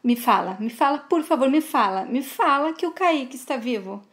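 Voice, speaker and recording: A woman's voice: high-pitched, expressive, moderate pace, fairly bright tone. A woman voicing a distraught woman who pleads and accuses. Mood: pleading, accusing. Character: distraught woman, desperate and furious.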